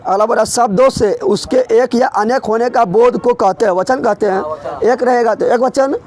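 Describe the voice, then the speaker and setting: A man's voice: very high voice, normal speed, darkish tone. A man teaching an exam-prep grammar lesson, drilling students with repeated questions and teasing them. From Bihar.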